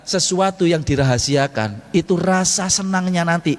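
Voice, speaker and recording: Male preacher, playful Q-and-A style, slightly high voice, long hall reverb. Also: moderate pace. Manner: playful, asks the audience and answers himself. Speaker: ustadz giving a mosque study talk. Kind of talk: lively sermon with jokes to the congregation. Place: large mosque hall.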